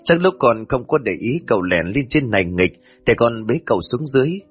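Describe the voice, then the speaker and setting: A man's voice: mid-range voice, sing-song, a little fast, husky, soft background music. Man doing a trembling young servant girl. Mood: frightened pleading. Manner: stammering, pleading. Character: frightened young female servant, trembling and stammering.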